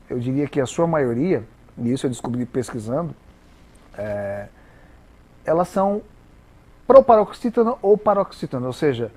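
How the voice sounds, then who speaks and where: A Brazilian man with a Brazilian Portuguese accent, a guest explaining English pronunciation in a didactic, halting way with many repeated words. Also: fairly high pitch, darkish tone. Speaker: interview guest, English teacher. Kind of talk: explanatory interview talk.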